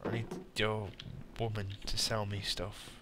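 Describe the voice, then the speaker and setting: A man's voice: lowish voice, little pitch movement, measured pace, noisy background. A British man giving casual gameplay commentary with dry, muttered asides. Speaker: gamer, let's play host. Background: game music.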